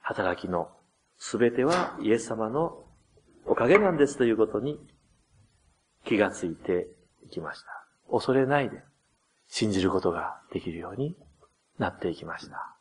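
A man preaching a sermon as pastor, gently explaining and addressing the congregation, dramatizing quoted words with changes in voice. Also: expressive, moderate pace, long pauses. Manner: dramatizes quoted words with shifts of pitch and loudness.

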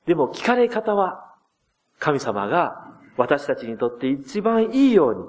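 A man preaching a sermon as pastor, gently explaining and addressing the congregation, dramatizing quoted words with changes in voice. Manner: dramatizes quoted words with shifts of pitch and loudness.

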